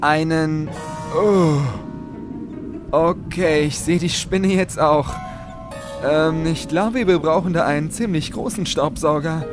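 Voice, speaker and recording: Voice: mid-range voice, takes it slowly, over music, lightly acted. An actor playing a hungover, sarcastic young adventurer in an audio drama, stammering and exasperated. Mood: sarcastic, nervous. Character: Tom, young man, hungover, sarcastic adventurer stuck in web.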